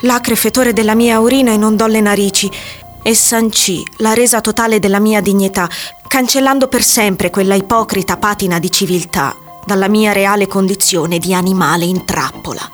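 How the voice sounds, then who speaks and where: A woman giving a measured, dramatic scripted narration of a story. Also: medium pitch. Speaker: audiobook narrator. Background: faint music.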